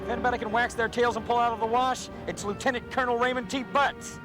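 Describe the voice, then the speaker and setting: An actor playing a cocky, folksy fighter squadron colonel in a television science fiction drama. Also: male voice, little pitch movement, fast, rough recording. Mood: boastful. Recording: loud music and engine rumble behind.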